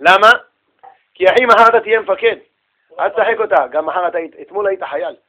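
Man, religious teacher, animated storyteller, high voice, bright tone. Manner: animated, casual slang, acts out voices.

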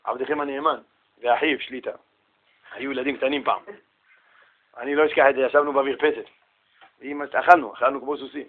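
A man teaching a religious lesson with animated storytelling, asking rhetorical questions and acting out the people in his stories. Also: medium pitch, pauses often, narrow, tinny audio. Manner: animated storytelling, acts out quoted voices. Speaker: Torah teacher.

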